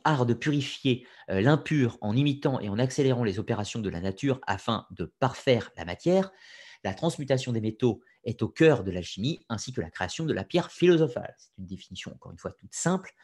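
A man's voice: medium pitch, darkish tone, husky. A man giving an unscripted lecture, explaining step by step, hesitating often with fillers and restarts, and talking straight to his listeners with opinionated asides. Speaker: lecturer on occult history.

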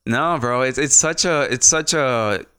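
A man's voice: medium pitch, a little slow, pushed and bright, clear, resonant tone, dry recording, clean studio sound. A young man, a guest on a casual podcast, rambling with repeated words and easy laughs.

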